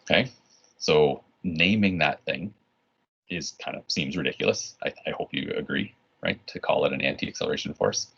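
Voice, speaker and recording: In a dull lo-fi recording, a Canadian physics teacher rambles through an online lesson, restarting frequently and tossing in "right?" checks. His voice rumbles low with vocal fry, a fairly bright tone and a breathy edge, at a moderate pace.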